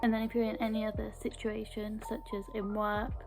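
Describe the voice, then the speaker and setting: With a medium pitch, a completely flat delivery and a brisk pace, a young British woman vlogs to camera in a casual, personal manner. She comes across as earnest, and her mild stammer surfaces as repeated small words. There's music in the background.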